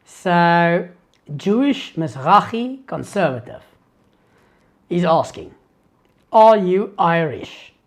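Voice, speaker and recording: Fielding viewer questions during a live-stream Q&A, this Afrikaans-speaking South African man is earnest and very animated, his voice pitched high. He often halts mid-thought and restarts.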